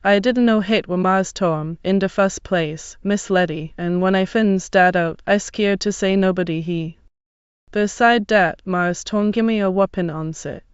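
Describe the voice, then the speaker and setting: A man's voice: high-pitched, unhurried, clean tone, no echo, pitched above the performer's own voice. A man voicing a frightened male servant who stammers and pleads. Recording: slightly dull dry recording.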